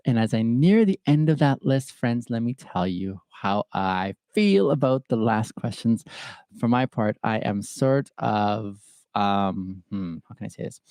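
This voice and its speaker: A man from Ethiopia hosting a solo podcast, talking through a question in a thoughtful, halting way with pauses and fillers. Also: medium pitch, mellow, dry recording. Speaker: podcast host answering viewer questions. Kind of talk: reflective solo livestream talk.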